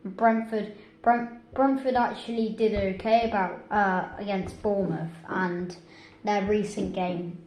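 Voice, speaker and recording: A woman's voice: medium pitch, steady tone, unhurried, darkish tone. A woman hosts a casual football prediction chat, talking in a chatty, hesitant way with many restarts. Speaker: host. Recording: echoey room, faint noise.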